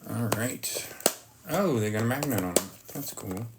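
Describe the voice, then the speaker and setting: A live stream host chatting casually while showing off items, halting and often breaking off to greet viewers, with some noise and clicking. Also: mid-range voice, expressive. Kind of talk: casual live stream chat while unboxing oracle cards.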